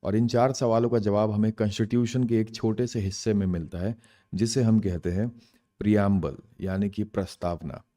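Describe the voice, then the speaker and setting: Low mellow-voiced male teacher. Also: fairly even intonation, normal speed. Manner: explains terms in Hindi and English, asks and answers own questions. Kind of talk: exam-prep lecture.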